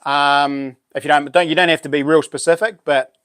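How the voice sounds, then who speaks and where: A man's voice: a little high, fairly even intonation, moderate pace, fairly bright tone, smooth, no echo, studio quality. A man with a broad New Zealand Kiwi accent hosting a casual live stream, chatting to viewers in laid-back, matey slang.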